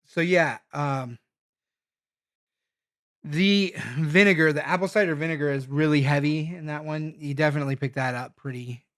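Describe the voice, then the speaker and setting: A man's voice: fairly high pitch, a bit bright. A man casually thinking aloud as he reviews hot sauces, rambling with lots of fillers and restarts. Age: adult parent.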